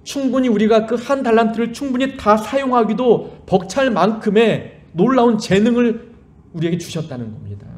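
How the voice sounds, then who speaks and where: A middle-aged pastor preaches a sermon in a high-sitting, darkish voice, earnest and emphatic, with a mild lisp that slurs his s sounds. He exhorts his listeners through personal anecdotes, with emphatic rises and sentences that fall at the end.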